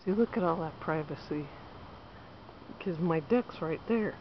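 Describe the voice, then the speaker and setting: Thirties woman, casual garden-tour vlogger, handheld outdoor camera with dull sound and steady background noise. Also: low-pitched, measured pace. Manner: chatty, pointing things out while walking. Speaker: home gardener. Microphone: handheld camera at arm's length.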